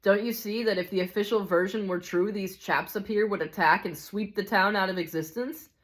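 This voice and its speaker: The storybook's bitter male ghost, read by a woman, sounds like a man with a voice that sits high and has a fairly bright, steady tone at a brisk pace. He complains scornfully and insistently, leaning on rhetorical questions.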